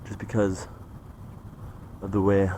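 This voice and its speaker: A young man with a lowish, mellow voice rambles through a casual monologue, trailing off and padding his talk with "like" and "you know". He sounds recorded outdoors, with faint traffic noise behind him. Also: completely flat delivery, slow, rough recording. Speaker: vlogger.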